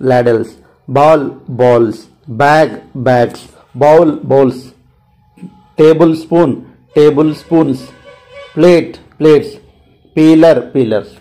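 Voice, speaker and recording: A man with a Telugu accent gives an exam-prep English grammar lesson. He mixes Telugu explanation with slow, deliberate English and repeats key words for stress. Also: a little high, darkish tone. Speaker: English teacher.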